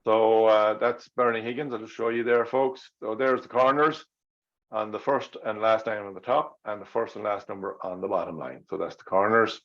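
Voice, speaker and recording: A man's voice: on the low side, steady tone, moderate pace. An Irish man hosting online bingo as the caller, reading out numbers digit by digit and then in full, with traditional calls. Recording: dull, lo-fi sound.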